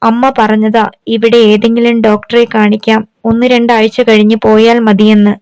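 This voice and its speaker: A woman voicing a grieving young wife who speaks in a soft, subdued, pleading way. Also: fairly high pitch, level tone, moderate pace, smooth, no room sound, close to an everyday voice.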